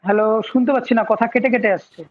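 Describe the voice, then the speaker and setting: A young man with a high-pitched voice, heard through a crackly, breaking-up online call line. The sound is thin and phone-like, as if squeezed through a cheap connection. He answers as an interview candidate in a hesitant way, hunting for his words. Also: steady tone, quick pace, no room sound. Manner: hesitant, searching for words with many fillers. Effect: choppy, crackly online call line breaking up. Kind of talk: mock job interview over an online call. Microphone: remote online call. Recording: tinny phone-like call audio.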